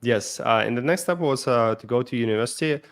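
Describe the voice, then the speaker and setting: A man's voice: mid-range voice, fast, clear, resonant tone. A man from Russia with a Russian accent, telling his life story as a podcast guest, with many fillers and restarts. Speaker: guest, startup founder. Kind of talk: casual interview.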